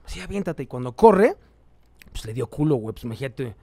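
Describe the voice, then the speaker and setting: A man with a Mexican Spanish accent, a guest musician telling stories in an animated, slangy, profane way. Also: mid-range voice, a little fast, no room sound. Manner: animated, slangy and profane, full of quoted voices. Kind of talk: casual storytelling.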